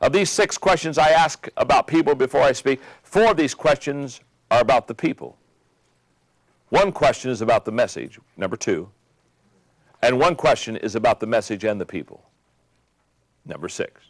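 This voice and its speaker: A man's voice: mid-range voice, lively intonation, normal speed, pauses often, no room sound. Emphatic older man teaching leadership. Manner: emphatic, varies pace for effect, repeats key phrases. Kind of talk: motivational teaching talk.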